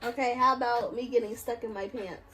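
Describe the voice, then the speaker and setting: A giggly, candid young woman in her early twenties chats to camera from home, her voice sitting a little high. Soft music plays faintly in the background. Her manner is loose and talkative. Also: steady tone, fast talker, low-quality recording. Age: early 20s. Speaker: vlogger. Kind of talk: casual chat to camera.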